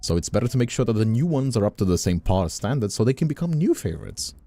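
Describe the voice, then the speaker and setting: A streamer and host talks casually on a livestream in a lowish, dark voice, very animated and fast, rambling emphatically and repeating phrases. He's close on a studio condenser microphone, giving a dry recording with soft music in the background.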